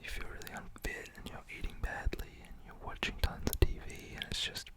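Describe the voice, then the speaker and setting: Whispering a little fast, a male ASMR creator chats in a casual, rambling way, his soft, breathy voice close to the microphone. His manner is reassuring, gentle and informal.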